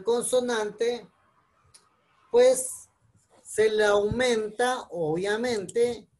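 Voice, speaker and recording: Patient woman teacher, measured delivery, spells things out for her students. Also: medium pitch, darkish tone. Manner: patient, explains slowly step by step, spells out letters. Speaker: English teacher. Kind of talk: recorded online class explanation.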